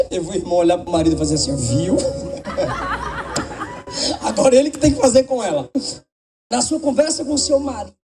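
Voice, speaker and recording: A Brazilian man preaching in church with fervor, his voice swelling and then dropping low. The tone is warm and mellow. He sounds set back from the microphone, with soft music underneath. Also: far from the mic. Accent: Brazilian Portuguese. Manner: impassioned preaching with sudden swings between loud and soft. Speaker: pastor. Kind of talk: sermon.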